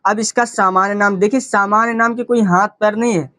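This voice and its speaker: A man's voice: sits high, steady tone, fairly quick, bright, forceful tone, no room sound. A man teaching a chemistry lesson, asking questions and answering them himself, repeating key terms. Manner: repetitive, asks and answers his own questions. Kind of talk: classroom lecture.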